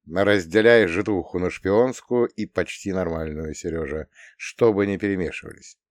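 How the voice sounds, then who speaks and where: A man's voice: deep voice, moderate pace, no room sound. A man narrating a first-person audiobook in a wry, dry storytelling manner. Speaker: audiobook reader.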